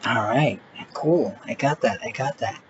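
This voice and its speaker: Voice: mid-range voice, unhurried. An interviewer asking questions in a casual, hesitant way. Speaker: interviewer host. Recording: lo-fi audio with clear background noise.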